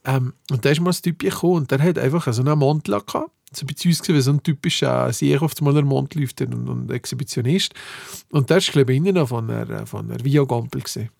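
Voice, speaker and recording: A man's voice: mid-range voice, fast, creaky, dry recording, studio quality. A man with a Swiss German accent, hosting a casual chat and telling funny stories with lots of laughter. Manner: laughing storyteller, animated quoting.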